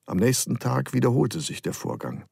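A man narrating a novel in a calm, measured storytelling manner. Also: mid-range voice, gravelly, husky, no echo. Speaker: audiobook narrator. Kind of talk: scripted narration.

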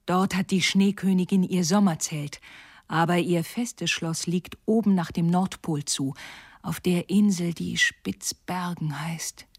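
A woman voicing an old, homesick reindeer in a storybook, speaking slowly and half-whispered. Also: on the low side, darkish tone, no echo, studio quality. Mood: dreamy. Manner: slow, drawn-out, half-whispered.

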